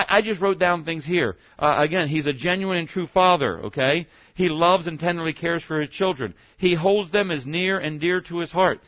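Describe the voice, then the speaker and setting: A man's voice: a little high, no echo, highs cut off. A man preaching a sermon in a conversational way, often checking in with his listeners with "okay?" and rhetorical questions, and stumbling over restarts now and then. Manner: stammering restarts. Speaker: pastor.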